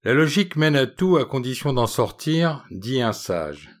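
A man narrating a humorous short story in a measured, wry manner. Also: mid-range voice, very animated.

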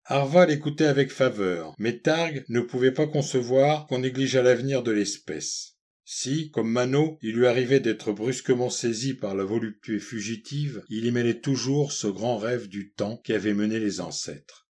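A man narrating a novel aloud in a measured, literary reading style. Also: mid-range voice, darkish tone. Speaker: audiobook narrator.

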